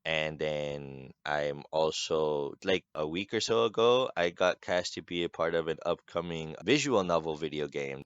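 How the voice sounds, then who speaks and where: A young man with a deep, resonant morning voice, chatting as a podcast guest, animated and quick to laugh. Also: clear, resonant tone, no room sound. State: just-woken morning voice. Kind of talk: casual podcast chat. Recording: slightly dull dry recording.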